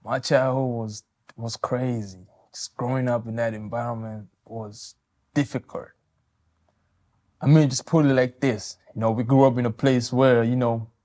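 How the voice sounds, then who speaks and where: Soft-spoken and courteous, a man from Tanzania in his twenties responds to an interviewer in loose, hesitant phrases. His voice sits at a medium pitch with noticeable vocal fry.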